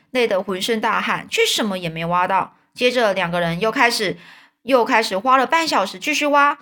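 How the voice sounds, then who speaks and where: A woman's voice: a little high, pushed and bright. A woman, reading a children's story aloud in a loose, casual retelling with fillers.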